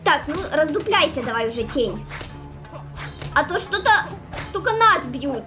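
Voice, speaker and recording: A woman's voice: high-pitched, big pitch swings, unhurried. A young woman giving playful, chatty, exclamatory commentary as a gaming host, in a casual Let's Play style. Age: young adult. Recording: music behind the voice. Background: game music.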